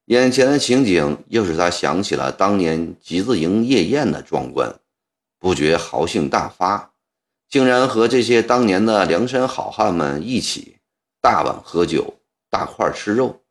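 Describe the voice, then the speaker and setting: A male storyteller reads a historical novel in a low voice. His pitch swings widely as he tells the story, and he slips into the characters' lines as they come up. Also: unhurried. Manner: lively storytelling, voicing characters' dialogue. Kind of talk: scripted narration of a historical novel.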